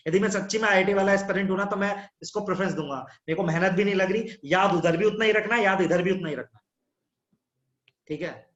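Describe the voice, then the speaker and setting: A high-voiced man teaching chemistry over an online class, blunt and teasing with his students. His voice booms back with a cave-like echo from the room. The sound is dull and muffled. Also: quick pace, a bit bright. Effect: echoing voice, like in a cave. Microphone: no earphones, device mic.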